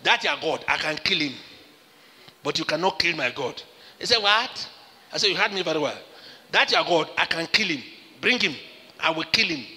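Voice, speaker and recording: A man's voice: fairly high pitch, animated, normal speed, long pauses, bright, forceful tone, in a large hall. A man preaching a sermon as pastor, emphatic and acting out the conversations he retells. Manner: emphatic preaching, acts out quoted exchanges.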